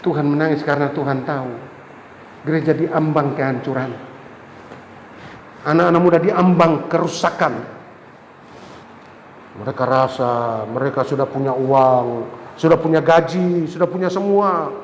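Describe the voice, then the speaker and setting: A man's voice: measured pace, pauses often, a little hiss or hum. Impassioned preacher man in echoey church. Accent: Indonesian. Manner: impassioned preaching with sudden swings between high cries and low murmurs. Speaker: pastor. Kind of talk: sermon. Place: church sanctuary. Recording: echoey church hall with faint ambience.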